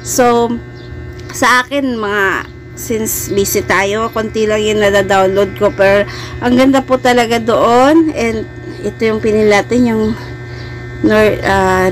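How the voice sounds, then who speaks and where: Heard in a low-quality recording, a Filipino woman with a medium-pitched voice hosts a video editing tutorial channel. Chatty, friendly and polite, she guides beginners step by step through editing on a phone.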